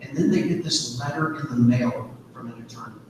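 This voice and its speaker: A man's voice: medium pitch, fairly quick, noisy background. Man preaching in an echoey hall. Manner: storytelling, conversational with frequent fillers. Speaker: men's ministry teacher. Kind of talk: sermon. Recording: echoey hall, distant mic.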